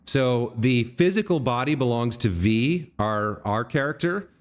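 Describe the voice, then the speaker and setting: A man's voice: medium pitch, lively intonation, unhurried. A man live-streaming a game, explaining it casually and patiently with a hesitant delivery.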